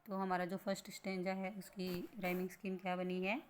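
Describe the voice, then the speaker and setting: A woman teaching a lesson. She explains slowly and patiently, repeating points and asking rhetorical questions. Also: medium pitch, monotone, a little hiss or hum.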